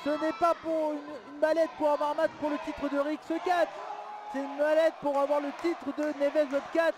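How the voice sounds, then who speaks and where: Casting: male wrestling commentator, extremely high register, exclamatory live calls with stretched words, clear crowd noise behind. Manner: excitable, exclamatory, drawn-out calls of big moves.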